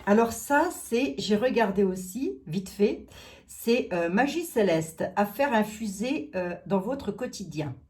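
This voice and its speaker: A woman's voice: medium pitch, animated, measured pace, darkish tone. Chatty woman unboxing gifts for viewers. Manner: chatty, thinks aloud with many fillers and repeats. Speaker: psychic channel host opening gifts. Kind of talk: casual unboxing chat to viewers.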